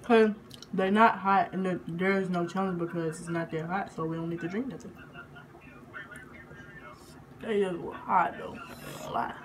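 A woman's voice: lowish voice, fairly even intonation, moderate pace, long pauses. A young woman chatting casually in an offhand, slangy way during an eating challenge at home. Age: young adult. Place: living room at home. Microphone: device at arm's length. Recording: clearly noisy home recording.

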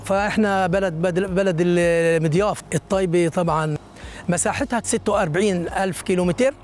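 A man's voice: high voice, quick pace, a little mellow, slight background noise. A middle-aged man, explaining local history and geography in an outdoor interview on an open hillside. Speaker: local guide.

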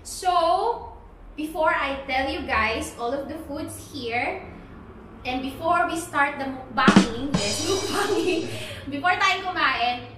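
A woman's voice: high-pitched, sharp tone. A Filipino woman hosting a casual mukbang vlog, chatty and giggly, mixing English and Tagalog at a dinner table with friends. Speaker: vlog host. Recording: very echoey room, distant mic, background noise.

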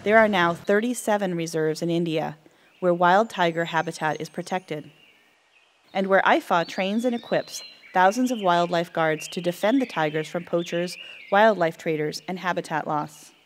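A woman reading scripted nature documentary narration with a measured, earnest delivery. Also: lowish voice, slight background noise. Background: music.

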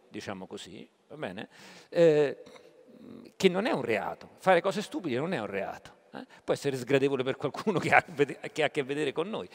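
A man speaking as a journalist on a public panel, pausing often with "eh" fillers between phrases. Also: mid-range voice. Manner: halting, with many "eh" fillers. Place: hall at a live public event. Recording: long reverb of a conference hall.

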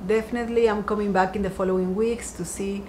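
Her voice is mid-range and steady but quick as this woman chats upbeat about decor finds, still lingering softly over each one. She's a vlogger doing a casual haul from a window seat in her dining room. A slight hiss or hum is audible.

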